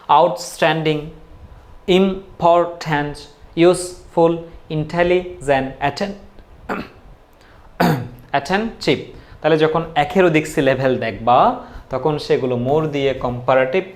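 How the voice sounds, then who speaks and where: A man's voice: mid-range voice, a little mellow. A male teacher giving a casual grammar lesson, repeating key points and quizzing his students. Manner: repetitive, drilling students with questions. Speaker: English teacher.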